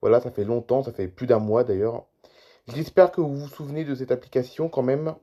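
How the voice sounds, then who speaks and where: A man's voice: mid-range voice, steady tone, brisk, mellow. A tired man YouTuber giving rambling, chatty commentary over a screen recording, reading out flight routes one after another.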